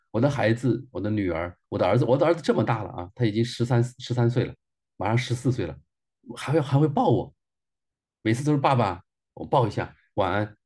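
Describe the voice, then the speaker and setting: A man's voice: medium pitch, darkish tone, husky. A man in his forties, a minister, sharing a personal testimony sermon in an earnest way and repeating phrases for emphasis.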